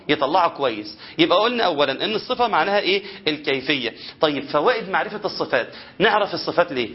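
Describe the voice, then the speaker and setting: Fast-talking Egyptian man teaching recitation. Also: a little high, highs cut off. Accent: Egyptian Arabic. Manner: asks rhetorical questions and demonstrates letter sounds. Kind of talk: spoken lesson on tajweed.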